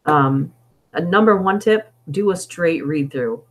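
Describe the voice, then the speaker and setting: A female live streamer reads stories aloud and talks between them, musing out loud and wandering off topic, into an inexpensive desktop mic. Her voice, hoarse as if tiring, is on the low side, expressive and measured in pace.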